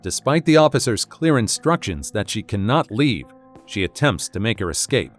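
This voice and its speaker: A man's voice: fairly low pitch, very animated, normal speed, music in the background. A man reading a scripted narration with a wry, dramatic storytelling manner.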